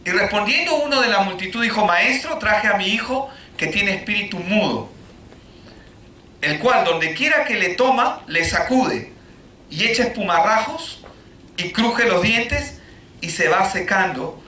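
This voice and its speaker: A man preaching a sermon, full of rhetorical questions, rising to shouts and then dropping low. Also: animated, measured pace, a little hiss or hum. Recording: echoey room, voice from a distance.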